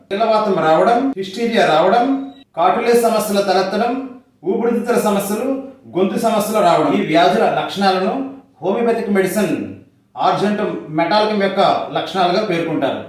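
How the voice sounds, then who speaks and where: A man with a Telugu accent, narrating a scripted health lesson in steady, measured phrases. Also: sits high. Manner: steady, measured delivery in short listed phrases. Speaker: homeopathy health educator. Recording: very echoey, from far off the mic.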